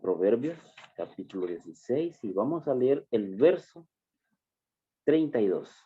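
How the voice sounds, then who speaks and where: A man preaching a sermon, addressing the congregation as brothers and stressing phrases slowly and emphatically. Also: mid-range voice, very animated, husky. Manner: slow, emphatic preaching with drawn-out words. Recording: dull lo-fi recording.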